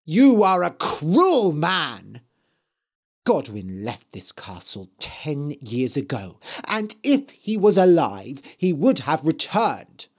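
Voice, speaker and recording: A man voicing a cruel, vain queen who speaks in an imperious, sharp way. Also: medium pitch, sing-song, drawn-out words, pitched above the performer's own voice, exaggerated voice. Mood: angry threat. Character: cruel vain queen, middle-aged woman, commanding.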